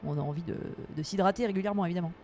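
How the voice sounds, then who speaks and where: A woman chatting casually with her live-stream audience while gaming, playful and quick to laugh, her voice a little tired. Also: lowish voice, a little mellow, soft background music.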